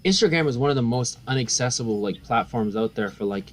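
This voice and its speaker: A man's voice: mid-range voice, animated, fast, a little hiss or hum. A man in casual conversation with friends, speaking informally and slangily as a podcast co-host. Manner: informal, slangy, like-heavy speech.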